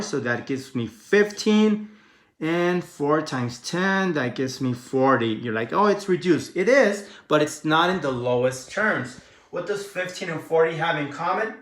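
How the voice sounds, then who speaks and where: A man teaches a math lesson in a casual, friendly way, talking to his students as guys and walking them through each step. He keeps asking quick questions and answering them himself. His voice sits a bit high, and the room around him rings with echo. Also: a bit bright. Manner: casual, addresses viewers as guys. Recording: echoey room.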